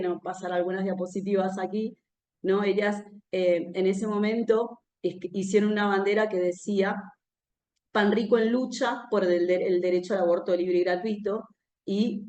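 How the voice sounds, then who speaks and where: A woman's voice: medium pitch, a little mellow. A woman from Argentina with an Argentine accent giving a live public talk in a conversational way, often ending phrases with a questioning "no?". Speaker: speaker at a political talk. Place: room where a talk is held, with an audience. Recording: roomy echo.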